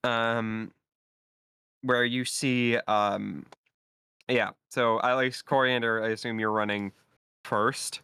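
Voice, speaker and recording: A man runs a tabletop game for his friends over voice chat, describing scenes in a relaxed way. He stops often on ums and uhs. His voice is mid-pitched and dry, with no room sound around it. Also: clear, resonant tone, dry recording. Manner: casual, laughing easily, halting with fillers. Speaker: game master.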